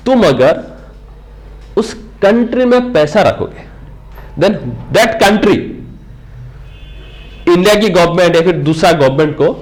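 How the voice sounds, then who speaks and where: High-voiced male teacher lecturing a class. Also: a little mellow. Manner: explains with many "ठीक है?" checks, addresses students directly. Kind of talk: classroom lecture mixing Hindi and English.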